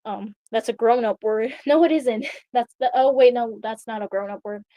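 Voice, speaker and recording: A woman's voice: fairly high pitch, moderate pace, warm tone, no echo. A young woman streamer reading a story aloud, stumbling over words and chatting as she corrects herself. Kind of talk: reading aloud with casual asides.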